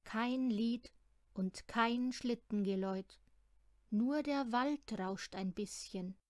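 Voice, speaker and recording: A woman reading a children's storybook aloud in an unhurried, expressive way. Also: a little high, dry recording, clean studio sound. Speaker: storybook reader.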